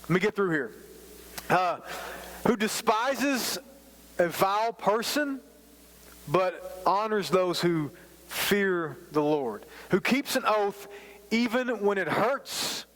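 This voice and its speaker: A man's voice: high-pitched, lively intonation, takes it slowly, pauses often, fairly bright tone, poor audio. A man in his forties preaching a sermon as a pastor, talking in a conversational, self-deprecating way with rambling asides. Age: 40s.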